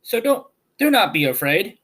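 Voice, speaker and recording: A man voicing a kind, humble tin man in a storybook, speaking gently and politely. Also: high voice, big pitch swings, moderate pace, voice pushed up, heavily acted. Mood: reassuring.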